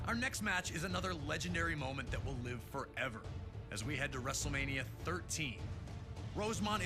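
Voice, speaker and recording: Over background music, a man with a fairly high-pitched voice that stays close to his everyday speech reads scripted wrestling history. His delivery is dramatic and emphatic, in the manner of a hyped announcer.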